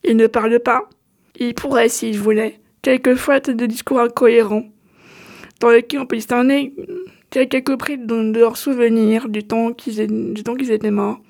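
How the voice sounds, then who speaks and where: A woman reading aloud as a calm female guide to a parallel world, explaining things patiently. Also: a little high, moderate pace, creaky.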